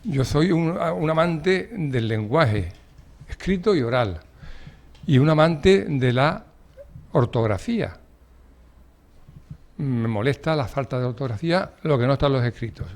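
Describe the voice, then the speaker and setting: A man's voice: mid-range voice, animated, measured pace, pauses often. Older man telling a story with emphasis. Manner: emphatic, storytelling, indignant asides. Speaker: radio debate guest. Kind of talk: studio debate, telling an anecdote.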